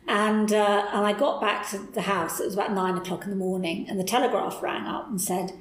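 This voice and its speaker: A middle-aged woman, a podcast interview guest, telling a candid story in an animated, enthusiastic way, with laughs and restarts. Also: mid-range voice, fairly quick, slight background noise. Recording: roomy echo.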